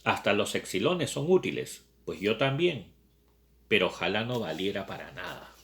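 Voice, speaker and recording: Un joven inquieto que anhela ser libre, leído por un hombre. Hace preguntas lentas y pensativas, con una voz grave y una entonación muy cambiante. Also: male voice, on the low side, big pitch swings, fairly bright tone. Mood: questioning. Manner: slow, reflective questioning. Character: brooding young man longing for freedom.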